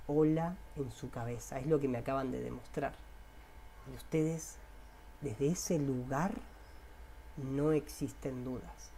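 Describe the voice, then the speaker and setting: A man's voice: medium pitch, darkish tone, slight background noise. A man with a Rioplatense Spanish accent, a self-help coach leading a guided inner-voice exercise, repeating prompts and coaxing listeners directly.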